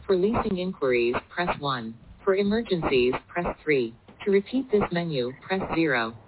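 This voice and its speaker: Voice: mid-range voice, lively intonation, moderate pace, slight background noise. Recorded phone menu voice on tinny line.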